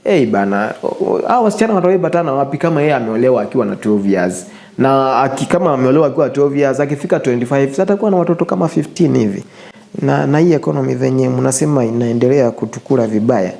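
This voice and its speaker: A man's voice: mid-range voice, animated, fast talker, gravelly, a little mellow. A young man with a Kenyan accent hosting his show, giving casual, earnest advice to viewers, switching between English and Swahili and repeating phrases for emphasis. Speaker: show host.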